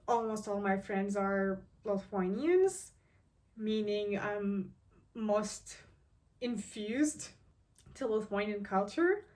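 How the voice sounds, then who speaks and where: Here a mid-range female voice comes through far from the microphone. She's a Turkish vlogger, twenty-three, musing sincerely to the camera, restarting often and leaning on "like."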